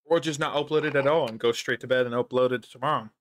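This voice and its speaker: A man's voice: medium pitch, steady tone, quick pace, no room sound. A young man hosting a gaming video, chatting casually, swearing often and rambling when he gets exasperated. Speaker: gaming channel host. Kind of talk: casual gameplay chat.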